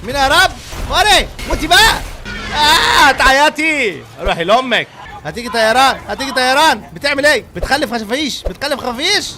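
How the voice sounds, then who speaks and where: A young man with an Egyptian Arabic accent, a gaming streamer giving excitable let's-play commentary full of shouted, teasing reactions. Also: very high voice, quick pace, over music. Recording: noisy background.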